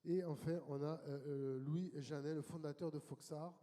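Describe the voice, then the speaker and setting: Male conference moderator, brisk and welcoming, dark tone, long hall reverb. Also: on the high side, fairly even intonation. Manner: brisk and welcoming, directing guests.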